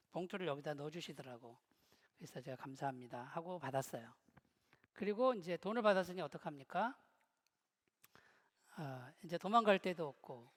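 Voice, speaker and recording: High-voiced pastor in a reverberant hall. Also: male voice. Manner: humorous storytelling, joking with the congregation. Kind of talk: sermon. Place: church hall.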